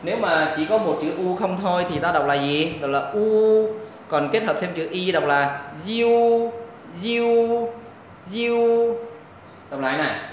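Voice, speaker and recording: A man teaching pronunciation, patiently drilling syllables and repeating each one loudly. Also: high-pitched, normal speed. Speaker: language teacher. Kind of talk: pronunciation lesson. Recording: very echoey room, faint background noise.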